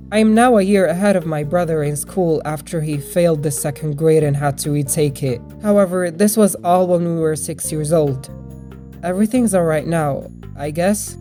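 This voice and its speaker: A woman's voice: sits low, mellow. A young adult woman narrating a personal story as a storytime video narrator. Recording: music bed behind the voice. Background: background music.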